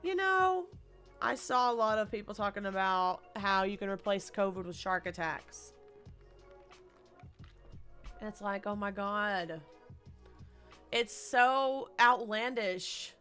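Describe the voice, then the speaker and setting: A woman's voice: mid-range voice, a little slow, long pauses, a bit bright, soft background music. Exasperated ranting woman streamer. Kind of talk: casual live-stream commentary. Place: her living room.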